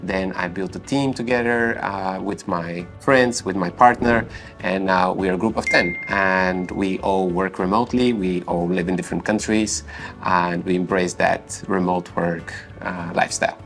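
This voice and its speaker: A man from Bulgaria, in his thirties, answering interview questions about his work in a measured way with frequent pauses. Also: sits low, steady tone, fairly bright tone, soft background music. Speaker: company founder and YouTuber. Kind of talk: interview answers and direct-to-camera talk.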